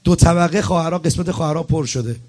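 Fervent male preacher with a higher voice. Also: darkish tone. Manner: speaks directly to the congregation, urging and instructing; repeats phrases for emphasis. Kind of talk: sermon with storytelling. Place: religious gathering hall.

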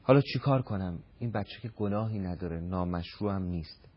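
A man hosting a talk show, reading out a viewer's letter and asking calm questions. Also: low voice, breathy edge, dull audio.

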